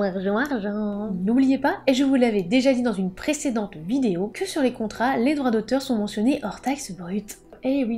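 A woman's voice: a little high, dark tone. A woman book vlogger explaining terms in a casual, playful way, with jokey asides.

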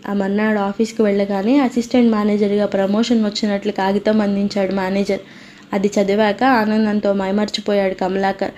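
Flat, mellow woman reading a novel. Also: medium pitch. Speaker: audiobook narrator. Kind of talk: scripted narration. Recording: dull lo-fi recording, faint hiss.

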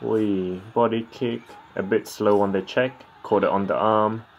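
Slow-paced, low-voiced man commentating a fight. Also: steady tone, dull audio. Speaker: fight commentary video creator. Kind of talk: casual reaction commentary on a Muay Thai fight. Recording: clear background noise of fight footage.

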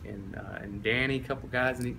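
A man's voice: medium pitch, fairly even intonation, brisk, vocal fry, background noise. A man, a former football player telling laughing anecdotes in a casual interview and often mimicking his old coach. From East Tennessee.

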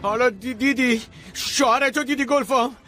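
A man's voice: extremely high pitch, pushed and bright, faint music behind. A man dubbing an agitated young man who stammers and accuses someone. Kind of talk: dubbed drama acting.

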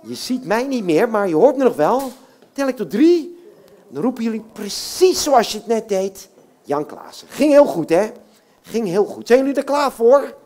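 Woman puppeteer hyping up the kids, cheerful, encouraging, really lively up-and-down voice. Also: a little high, normal speed. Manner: encouraging, cheerful, coaxes the crowd with "hè?". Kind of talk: leading a children's audience at a live show.

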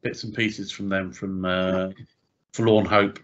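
Low-pitched male podcast host, halting and stumbling over his words; muffled audio. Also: flat delivery, a bit bright. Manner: hesitant, many fillers and repeated words. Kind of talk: casual chat.

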